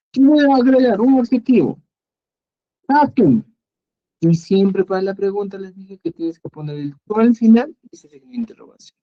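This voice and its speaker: A man with a Peruvian Spanish accent teaches a screen-recorded lesson, slow and patient, repeating each word. His voice is mellow and dark, yet it swings widely in pitch. The recording is dull and lo-fi. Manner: patient, repeats words and asks "¿ya?". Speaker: Quechua language teacher.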